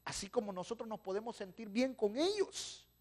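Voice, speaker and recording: A male pastor, preaching a sermon and swinging from hushed pleading to loud exhortation. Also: high voice, big pitch swings, moderate pace. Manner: preaching with sudden shouts and soft pleading drops.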